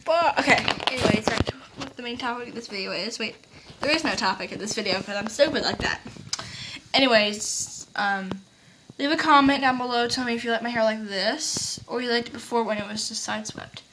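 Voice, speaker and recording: A woman's voice: a little high, brisk. A teenage girl vlogging casually to her webcam, hyper, giggly and rambling. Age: teens. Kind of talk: casual chat to camera. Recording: noisy webcam recording.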